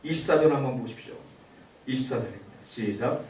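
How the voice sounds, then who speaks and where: A man's voice: medium pitch, fast talker, a little mellow. A male pastor preaching a sermon in a church, asking the congregation rhetorical questions. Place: church sanctuary. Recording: echoey church room, voice from far off.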